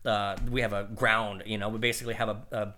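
Male podcast host, casual and easygoing, bright tone, talks through his job with a laugh. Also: fairly low pitch, flat delivery, fast talker. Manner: laid-back, laughs often, rambling explanations. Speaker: sailing instructor. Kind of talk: casual chat.

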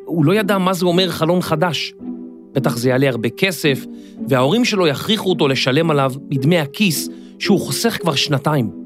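A man narrating a scripted children's story in a clear, expressive storytelling manner. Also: a little high. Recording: dry studio, faint music.

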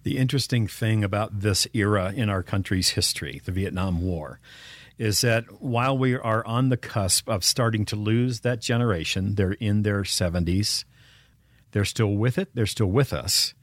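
A man hosting an interview, asking measured questions. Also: fairly low pitch, dry recording, studio quality. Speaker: interview host.

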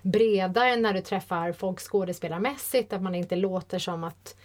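A woman hosting a relaxed conversation, asking questions and backing up her guests with frequent short affirmations. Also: on the low side. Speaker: host. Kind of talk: casual interview.

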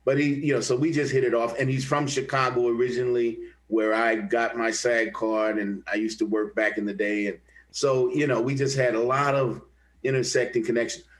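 This man, an older Kansas City-area actor, speaks fairly quickly in a mid-range voice with little pitch movement. Chatting easily in an interview, he recounts stories, often breaking off, starting over and repeating words as he gathers his thoughts.

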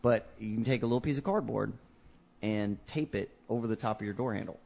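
Guy on a podcast, raspy-ish fry, chill and practical. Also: lowish voice, a little fast, darkish tone. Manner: laid-back, practical tip-giving. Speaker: podcast co-host. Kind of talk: casual chat.

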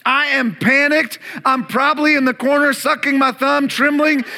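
A man's voice: extremely high pitch, fairly even intonation, normal speed, sharp tone. A man preaching a sermon to his congregation, telling the story dramatically with playful asides to the room. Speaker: pastor. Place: church service before a congregation.

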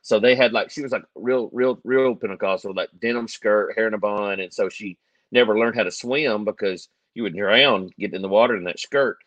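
A man co-hosts a podcast in a lowish, fairly bright voice, talking briskly with no echo. The chat is casual and rambling, full of jokes, and he laughs easily as he speaks.

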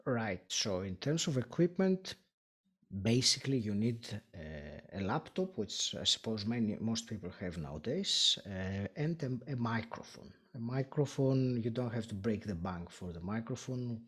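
A man from Greece, Greek his first language, speaking English with a Greek accent as a podcast interview guest, thoughtful with frequent pauses. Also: lowish voice, very animated, fairly bright tone, slightly rough. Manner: thoughtful, many filler pauses, laughs lightly. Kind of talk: casual interview.

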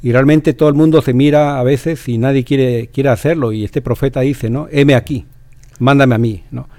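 A man's voice: mid-range voice, steady tone, normal speed, dark tone, no echo, clean studio sound. A man in a religious discussion, thoughtful and hesitant, who keeps checking in with his listeners. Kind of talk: casual devotional discussion.

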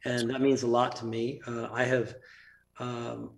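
A man's voice: medium pitch, monotone, measured pace, vocal fry. A man hosting a casual interview, friendly and rambling, with lots of fillers and restarts. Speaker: podcast host and business coach.

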